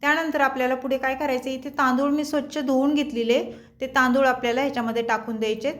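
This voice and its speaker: A high-voiced woman walks viewers through a home cooking recipe. She talks in a chatty, friendly way and addresses her audience as friends. Her speech stays light and conversational. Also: fairly even intonation, fast talker. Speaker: cooking channel host.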